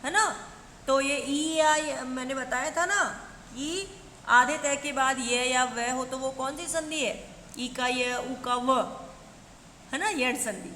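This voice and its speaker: Woman teacher, slightly high voice, slow and patient with examples; echoey room, faint hiss. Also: sharp tone. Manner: slow, listing examples one by one, calls students "beta". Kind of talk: classroom grammar lesson. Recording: echoey room with long reverb, faint noise.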